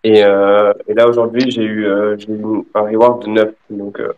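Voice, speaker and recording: A man calling in to casually describe his experience, halting and correcting himself. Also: lowish voice, flat delivery, a little mellow, lo-fi sound. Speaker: caller. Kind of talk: casual account of a problem.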